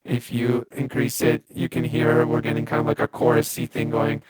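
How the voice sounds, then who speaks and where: A man's voice: flat delivery, normal speed, background noise. Man's voice through a gritty robot filter. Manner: repeats test phrases, pitch jumps wildly. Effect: robotic lo-fi speech-synth filter. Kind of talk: demonstrating a vocal effect.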